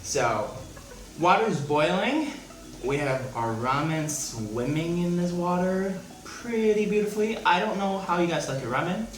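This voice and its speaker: A young Hong Kong man playfully chats while cooking in his small apartment for a casual cooking vlog, his high voice expressive and unhurried. The room echoes, and music plays behind him.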